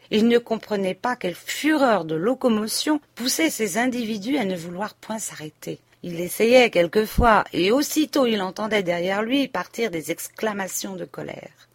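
A woman reading a classic novel aloud as an audiobook narrator, in a measured, even storytelling manner. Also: medium pitch, no echo. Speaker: audiobook reader. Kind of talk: scripted literary narration.

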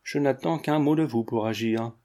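A man's voice: mid-range voice, normal speed, warm tone, lightly acted. A man reading the lines of an eager, devoted young man in an audiobook, in an earnest, formal way.

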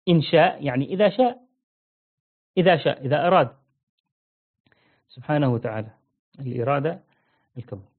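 Guy teaching a religion class, keeps asking the listeners questions, slows way down on the big points, fairly high voice, sounds like a phone line. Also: expressive. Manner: quizzes listeners with repeated questions; slows down to stress key phrases. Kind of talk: interactive religious lesson. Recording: narrow phone-like audio.

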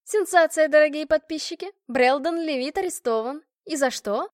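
A woman voicing a loud, sensation-hungry reporter. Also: high voice, a little fast, no room sound, studio quality. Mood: excited. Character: loud middle-aged female reporter.

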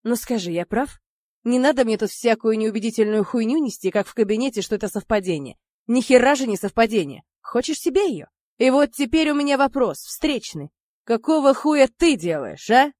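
A woman reading an audiobook, voicing a brash, foul-mouthed man who talks loudly and jeers. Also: on the high side, animated, fairly quick, no echo, clean studio sound. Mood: jeering. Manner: loud, jeering, swearing.

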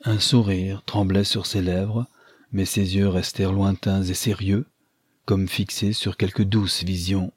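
A man narrates a classic novel in a measured, literary way. His voice is low and mellow with a husky edge. The recording is close and completely dry, with no room sound. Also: little pitch movement, dry recording. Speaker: audiobook narrator.

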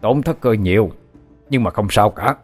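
A man's voice: on the low side, moderate pace, soft background music, lightly acted. A man voicing a proud middle-aged exorcist who gloats and barks orders. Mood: smug. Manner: gloating, then shouting orders.

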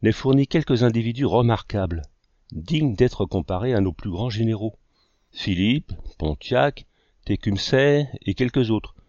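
Voicing an argumentative, fussy young artist, the narrator's low male voice is dry, close, animated and a little mellow, moving at a measured pace with an earnest mood. No echo is present, though the recording sounds slightly muffled at the top.

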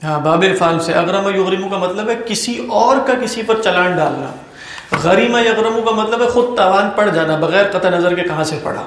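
A male Quran teacher giving a classroom lecture, quizzing his students and then answering himself, reciting Arabic slowly and deliberately. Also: sits high, a bit bright. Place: lecture room at an academy. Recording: echoey room.

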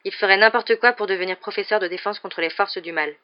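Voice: mid-range voice, fast talker, dull audio, lightly acted. A reader voicing a guarded teenage boy wizard who gives short, blunt replies in an audiobook.

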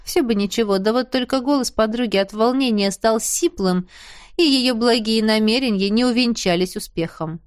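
A woman narrating a first-person fairy tale audiobook in a lively, expressive way. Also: a little high, moderate pace, clear, resonant tone, dry recording, studio quality.

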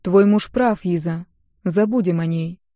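A woman voicing the heroine's father, an older man who speaks quietly and gravely. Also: on the low side, measured pace, no echo, clean studio sound, lightly acted.

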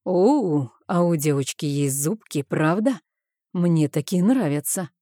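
A smug male villain drawls down the phone with lazy contempt, as a woman reads him out. The voice is low and dark, set against a dry, close recording, as in an audiobook. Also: animated, slow, no room sound. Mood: mocking. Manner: condescending, drawling. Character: smug arrogant man, misogynist villain on the phone.

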